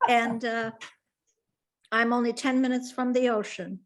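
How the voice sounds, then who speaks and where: A woman's voice: fairly high pitch, steady tone, measured pace, low-quality recording. Chatty older woman on a call. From Pittsburgh, United States. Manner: chatty, loosely strung sentences. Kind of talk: casual self-introduction. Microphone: video call.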